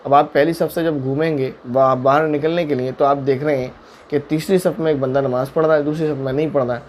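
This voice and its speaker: A man's voice: fairly high pitch, fairly even intonation, slight background noise. A man serving as a mufti who answers viewers' questions in a religious lesson. He explains each ruling patiently and step by step, using worked examples.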